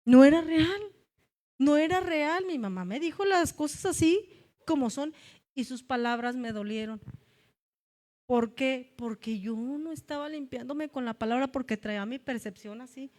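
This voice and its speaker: A woman's voice: high voice, animated, moderate pace, darkish tone. A woman with a Mexican Spanish accent giving an emotional, confessional testimony at a church gathering, speaking directly to the congregation as brothers and sisters. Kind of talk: testimony sermon. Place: church meeting room.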